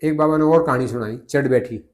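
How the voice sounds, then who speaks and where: An older man, a guest in a conversation, remembers the past in a measured, reflective way and often corrects himself mid-sentence. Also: medium pitch, darkish tone. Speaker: interview guest. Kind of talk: reminiscing conversation.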